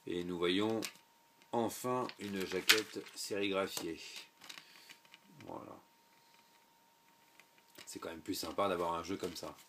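A man's voice: low voice, very noisy. A man talking through a game unboxing in a casual, hesitant way, full of fillers and offhand remarks. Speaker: video game unboxing vlogger.

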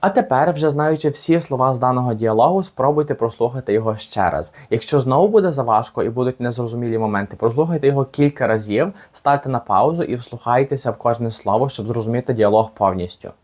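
A man teaching a language lesson step by step, patiently saying each phrase slowly and repeating it for the learner. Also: medium pitch, a little mellow.

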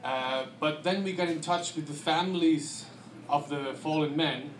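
An Icelandic man in his thirties talks an audience through his slides in a relaxed, chatty way, with lots of fillers. His voice sits a little high. A handheld mic carries it through a dim, echoing event room with faint background noise. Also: unhurried. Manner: relaxed, conversational with frequent fillers. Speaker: guest presenter. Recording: echoey room.

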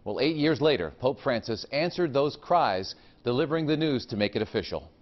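A man reporting a local TV news story in a measured, formal delivery. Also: medium pitch, animated, highs cut off.

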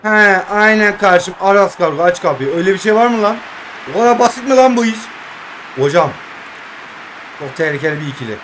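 A young man in his twenties with a fairly high voice calls his mobile football match pass by pass. He jokes, grumbles at his opponent and chats to viewers like friends. A faint hum of room ambience sits under his voice. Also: fairly quick, pauses often. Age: 20s. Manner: excitable joking play-by-play, addresses viewers as friends. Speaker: mobile game streamer. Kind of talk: casual gameplay commentary.

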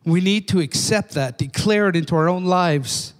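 Older male preacher, high voice, fervent sermon delivery, long hall reverb. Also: moderate pace. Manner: fervent, repeats "amen?" to the congregation. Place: church.

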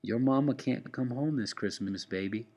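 A man reading aloud, voicing a weary mother who gently comforts a grieving child in a quiet, subdued voice. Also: medium pitch, big pitch swings, brisk, gravelly, husky, heavily acted. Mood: soft, sorrowful.

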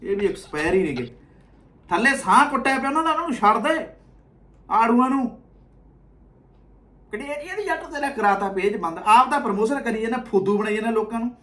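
A man's voice: very high voice, expressive, a little fast, pauses often, a bit bright. A man with a Punjabi accent giving mocking, abusive reaction commentary on video clips, often laughing. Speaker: comedy reaction creator.

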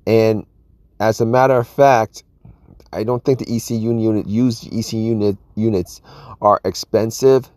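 Man, low voice, dry close sound, casual car repair how-to, rambling. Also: fairly even intonation, moderate pace, darkish tone, no room sound. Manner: rambling, repeats words, says "all right" and "you guys" often. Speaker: car repair video host. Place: outdoors at an open car engine bay.

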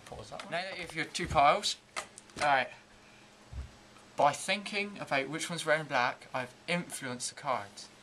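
A young man in his teens giving an informal, halting step-by-step card trick tutorial in amateur magician patter. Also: mid-range voice, background noise. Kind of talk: informal step-by-step demonstration and explanation. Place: indoors at a table and whiteboard.

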